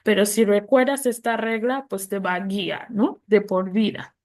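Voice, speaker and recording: Speaking in a mid-range voice, a patient woman explains English plural noun rules for Spanish speakers. She goes slowly, spelling out letters and modeling each English word with care.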